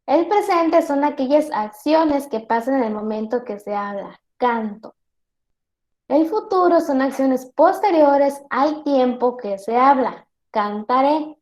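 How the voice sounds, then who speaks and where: A woman teacher giving a virtual class lecture, explaining slowly with many spoken examples and checking in with her students. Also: high-pitched, darkish tone. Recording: roomy echo.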